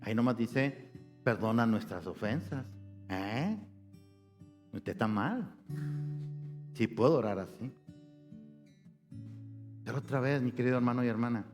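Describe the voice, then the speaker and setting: A man, a pastor preaching a sermon, asking questions of the congregation, rising high and loud for emphasis and dropping low and quiet. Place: church sanctuary. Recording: long church reverb with soft guitar.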